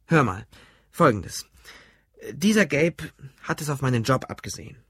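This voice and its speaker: A bellowing, hot-tempered husband yelling at his family in an audiobook, as a man puts him on, pitched up well above a normal speaking voice. The voice is husky and dry, with no room sound. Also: very animated, moderate pace, no echo, heavily acted. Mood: defensive. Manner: loud and blustering. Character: irritable grown man, shouting at family.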